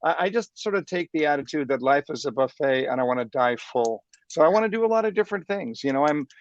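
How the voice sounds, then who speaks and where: A man in his sixties, a sales trainer appearing as a guest, talks fast in a fairly high, expressive voice during upbeat interview talk. He's enthusiastic and motivational, often repeating words as he begins a thought. The recording is dry and dull.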